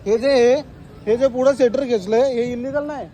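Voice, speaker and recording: A man argues out on a street by some shops, his voice pitched very high. He is insistent and keeps repeating his points about who has the right to what. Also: normal speed, warm tone. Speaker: rider confronting shopkeepers. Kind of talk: heated street argument. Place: street outdoors near shops.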